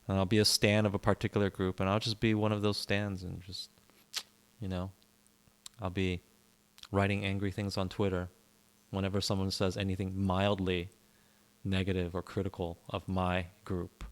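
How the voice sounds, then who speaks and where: A deep, monotone male voice at normal speed belongs to the co-host of a casual podcast chat. He speaks English as his first language and tends to ramble and opine, repeating himself and often restarting what he says.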